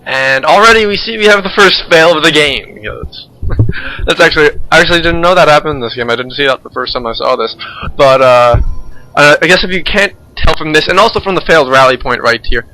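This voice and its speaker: A man's voice: on the high side, animated, brisk, sharp tone, rough recording. A young man casually commentating a strategy game replay, joking and sarcastic.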